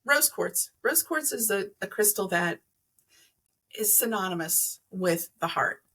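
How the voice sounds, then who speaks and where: A podcast guest and energy healer walks through crystals and chakras in a chatty way, rephrasing as she goes. Her mid-range voice sounds animated, pushed and bright, and she speaks a little slowly. There is slight background noise.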